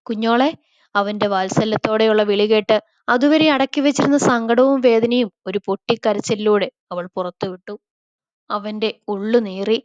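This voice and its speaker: A woman narrating a romantic short story in a calm, even storytelling manner. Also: mid-range voice, moderate pace, clear, resonant tone, dry recording. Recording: slightly dull, dry recording.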